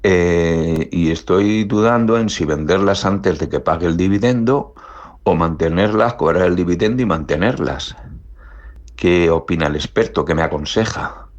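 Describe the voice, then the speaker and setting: A man with a very deep voice asks his question through a recorded voice message played on air. The sound is muffled and lo-fi, like a phone voice note. He speaks politely, with a few hesitant fillers. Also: normal speed. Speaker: listener asking a question. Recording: dull lo-fi voice note.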